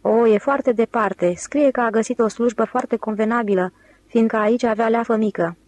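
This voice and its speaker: A woman's voice: fairly high pitch, a little mellow, no room sound, close to an everyday voice. A woman voicing a sweet, teasing young woman in an audiobook, lifting her voice for the part. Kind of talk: audiobook character reading.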